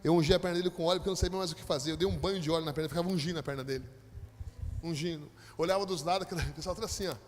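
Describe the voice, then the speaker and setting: A man from Brazil, a pastor, telling a dramatic story in a sermon, his voice rising to loud, high peaks. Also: very fast, faint music behind. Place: church hall. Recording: long echo of a church hall.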